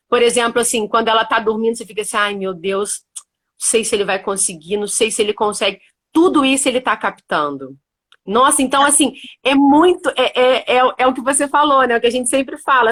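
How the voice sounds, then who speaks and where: A woman with a fairly high voice talks through parenting ideas in a relaxed conversation. She explains step by step and keeps checking that her listener is following with "né?". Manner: thoughtful, explaining with frequent "né?". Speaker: host. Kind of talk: casual parenting chat.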